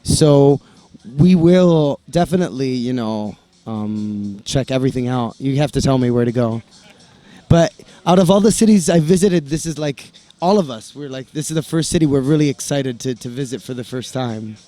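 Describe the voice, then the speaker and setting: Speaking at a moderate pace in a mellow, medium-pitched voice, a young American man guests on an interview as a member of a band. He is bilingual in English and Italian, and his casual answers come out hesitantly, full of fillers and false starts, with no room sound.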